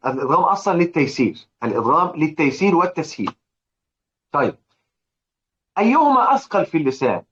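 Egyptian teacher with a fast, questioning delivery. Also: male voice, a little high, highs cut off. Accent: Egyptian Arabic. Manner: questioning, drills students with repeated rhetorical questions. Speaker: Quran recitation teacher. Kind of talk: religious lesson explaining a poem.

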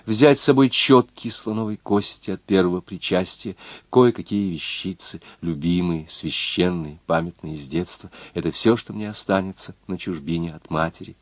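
A devoted young noblewoman in love, speaking with fervent tenderness, as a deep-voiced male reader puts her on. The sound is close and dry, with no room around it. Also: normal speed, no echo. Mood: tender. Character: young noble woman, devoted, passionate lover. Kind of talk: audiobook reading of a novel.

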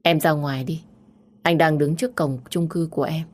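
An insistent young man, read by a woman narrator pleads in a low, steady voice. He keeps asking rather than demanding. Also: normal speed. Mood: pleading.

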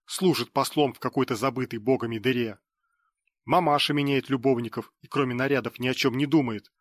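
A man's voice: medium pitch, brisk, no echo, clean studio sound, lightly acted. A man reading an audiobook voices an arrogant young nobleman who sneers and dismisses others. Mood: sneering defiance.

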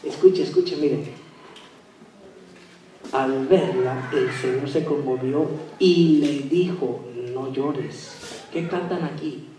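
A man preaches a lively sermon, dropping to soft asides and then rising to loud, emphatic points while he questions his listeners. He stands far from the mic in a very echoey church hall. Faint room ambience sits under his voice. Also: fairly high pitch, takes it slowly, slight background noise.

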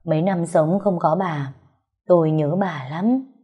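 A woman's voice: on the low side, a little slow, slightly rough, dull audio. A woman voicing an old grandfather who speaks in an earnest, pleading way.

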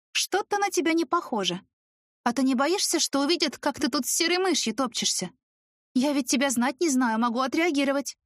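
A woman's voice: sits high, dry recording, studio quality, pitched above the performer's own voice. Woman playing defiant mocking girl. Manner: mocking and raised. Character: young female student, sharp-tongued and defiant.

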